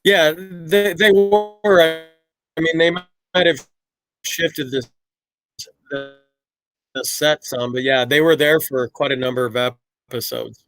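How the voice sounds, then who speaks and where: A man's voice: on the high side, fairly even intonation, a bit bright, faint music behind. A man being interviewed as a comic creator over a video call whose audio keeps breaking up, cutting in and out while he stops and restarts his words. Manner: halting, restarting words as the line drops. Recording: distant, choppy video call line.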